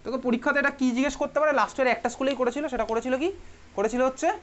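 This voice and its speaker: A man's voice: extremely high pitch, steady tone, rapid-fire, a bit bright. A man teaching a chemistry class with a Bengali accent, chatty and teasing, often asking the students questions. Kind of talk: classroom lecture. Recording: dull lo-fi classroom recording.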